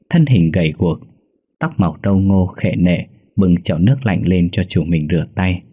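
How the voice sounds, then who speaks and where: A man narrates a ghost story in a slow, measured way. His voice is very low and dark, with a husky grain. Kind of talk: scripted horror narration.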